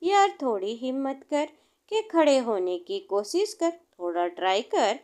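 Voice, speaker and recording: Woman narrator reads an anxious caring young woman, slow and lilting; storybook. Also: sits high, sing-song, a little mellow. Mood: flustered. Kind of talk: storybook reading in Hindi.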